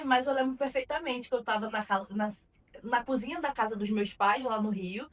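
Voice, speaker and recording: A Carioca woman with a high voice tells her story on an interview podcast. She speaks earnestly, pausing on fillers as she goes. Her voice sits a little away from the mic. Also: a bit bright, distant mic. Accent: Carioca Brazilian Portuguese. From Rio de Janeiro, Brazil. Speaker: guest, marketing consultant.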